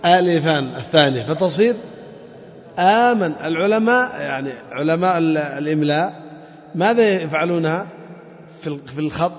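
A man with a high-pitched voice teaches a class, stopping often to quiz the students and repeat key terms. The recording is dull and lo-fi, and his voice rings with a long room echo. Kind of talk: classroom lesson on Arabic morphology.

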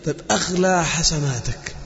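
A man delivers an impassioned sermon in a high voice, his pitch leaping up and dropping low for emphasis. His speech slips between casual phrasing and solemn quotation. The dull, lo-fi recording carries a long echo from a large hall. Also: normal speed, fairly bright tone. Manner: impassioned, rises and drops sharply in pitch. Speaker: preacher. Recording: echoey hall, dull lo-fi sound.

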